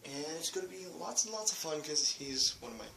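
A man's voice: fairly high pitch, lively intonation, a little fast, vocal fry, sharp tone. A young man giving a rambling, self-mocking channel update while out of breath, talking through a built-in device mic. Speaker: channel host. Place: small room with echo. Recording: echoey room, faint hiss.

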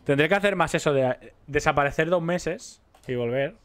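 Here a young man with an accent from Spain talks at a moderate pace in a smooth, slightly bright, higher voice. As a roleplay streamer, he meanders through laid-back gameplay commentary, joking at his own expense and chatting with viewers.

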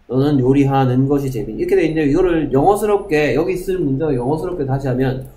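Brisk male English teacher in a roomy classroom. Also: fairly high pitch, dark tone. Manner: brisk, keeps checking with the class, reads English examples slowly. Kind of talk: classroom grammar lecture.

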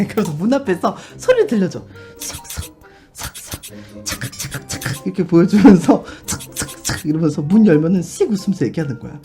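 A man chatting casually on a live stream, animated and expressive, and given to sudden shrieks. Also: high voice. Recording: live stream with loud background music.

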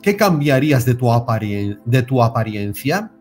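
Animated Spanish man over soft music. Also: medium pitch, moderate pace, slightly rough. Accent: Spain Spanish. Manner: animated, repeats words and stresses with tag questions. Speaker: self-help video host. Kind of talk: motivational spiritual talk to camera.

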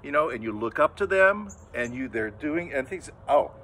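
A camera a few metres off captures an older man standing full figure as he delivers a children's sermon outside a church. His voice is medium-pitched at a moderate pace, with slight background noise; he talks casually, gestures plenty, and acts out inner voices in lively storytelling.

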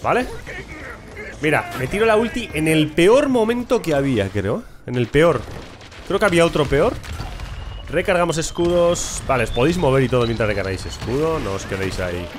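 A young man from talks over his own match in a voice that leaps between highs and lows, often yelling without meaning to. He sits a little high for a man, and soft game music runs underneath. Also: brisk. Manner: shouty, excitable, swears and laughs at himself. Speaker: gameplay streamer. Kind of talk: excited live gameplay commentary.

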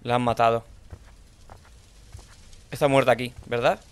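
A young man with a Spanish accent from Spain, playing a horror game and thinking aloud in low mutters, now and then shouting out. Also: fairly even intonation, measured pace, a little hiss or hum. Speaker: gaming streamer. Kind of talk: horror let's play commentary.

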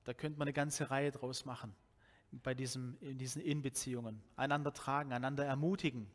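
Preaching in a church hall through a headset mic, this man in his forties from Swabia speaks with a Swabian German accent. His sermon is animated and conversational, full of fillers and restarted sentences, delivered in a brisk, mid-range voice.

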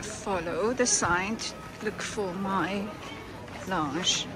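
Slow-talking woman on an airport walk. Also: mid-range voice, music in the background, poor audio. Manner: slow, halting, simple phrasing. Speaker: travel vlogger. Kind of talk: casual walking-tour narration. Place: large indoor airport terminal. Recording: busy terminal noise behind.

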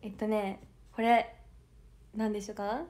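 On a livestream, a 21-year-old idol audition hopeful with a Kansai Japanese accent chats casually, reading viewer comments aloud. Her medium-pitched voice is flat, measured in pace and a little mellow, though she's bubbly and giggles often, laughing frequently.

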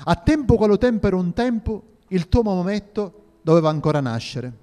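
A man's voice: high voice, expressive, moderate pace, mellow. A man voicing a learned, grave adviser at a medieval court. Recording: reverberant hall with faint music.

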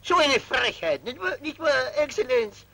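A stammering, high-voiced fussy clerk. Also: male voice, moderate pace, gravelly, heavily acted, poor audio. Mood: fawning. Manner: stammering, deferential, excitable. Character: flustered fussy male minor civil servant. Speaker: stammering petty official. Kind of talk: 1940s film acting.

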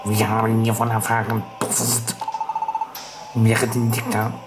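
Man doing a polite beeping magnet robot, hushed and kind, over loud game music. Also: lowish voice, monotone, a little slow, lightly acted. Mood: helpful.

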